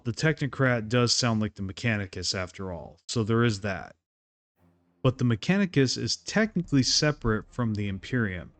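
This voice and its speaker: A man giving a casual, opinionated gameplay guide as a voice-over, explaining his choices informally. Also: mid-range voice. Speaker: video game guide host. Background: faint music.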